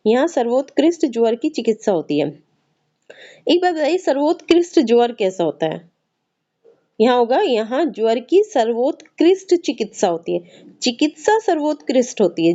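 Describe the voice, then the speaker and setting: A woman's voice: on the high side, dark tone. A woman teaching an exam-prep grammar lesson with a Hindi accent from north India, explaining patiently and repeating words as she checks in with her listeners. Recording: slightly dull, muffled recording.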